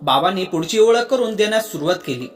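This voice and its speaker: Narrator for scripted storytelling, steady and even, over soft background music. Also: mid-range voice, quick pace.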